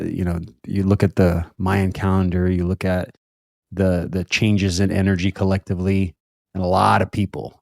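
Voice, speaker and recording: With a low-pitched voice, this thirties-aged man of Brazilian family background hosts a casual conversational interview podcast. He tends to ramble, repeating words and dropping fillers. The audio is studio quality, with no echo.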